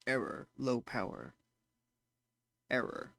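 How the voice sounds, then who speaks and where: A man voices a damaged robot in a heavily acted, glitching monotone, his words breaking, stuttering and repeating in clipped machine phrasing. His mid-range voice is creaky and a bit bright, pushed up, with big pitch swings and a slow pace. There's no room sound.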